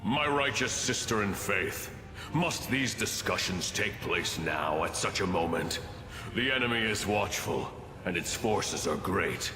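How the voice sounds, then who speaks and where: A man's voice: low voice, expressive, unhurried. A man playing a grave, devout crusader in a fantasy game, speaking in solemn, formal oratory. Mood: urgent, earnest. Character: grave, devout male crusader, brooding and earnest. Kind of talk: dramatic fantasy game acting. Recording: echoey hall with noisy ambience.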